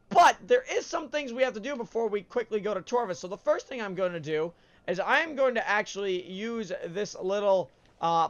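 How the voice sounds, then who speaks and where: With a lo-fi sound, a man narrates casual gameplay as a let's play host, his high voice a bit bright and his nose stuffed from a cold. He rambles in a chatty way, often saying uh and correcting himself.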